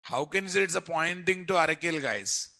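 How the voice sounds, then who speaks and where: A man with an Indian Telugu accent teaching a live software class as instructor, often repeating phrases and quizzing his listeners. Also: on the high side, expressive, fairly quick, no room sound, clean studio sound. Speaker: programming instructor.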